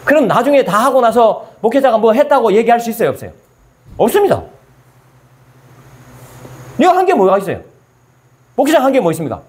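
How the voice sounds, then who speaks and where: A man preaches a sermon in a high voice that swings widely in pitch. He puts questions to the congregation and answers them himself. Now and then he acts out scripture in plain, casual speech. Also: very animated, brisk, pauses often, a little mellow. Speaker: pastor.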